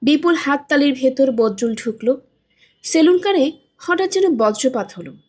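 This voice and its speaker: A woman narrating a novel as a storyteller, steady and expressive. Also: high-pitched, measured pace. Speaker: storyteller, audiobook reader. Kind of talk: novel reading.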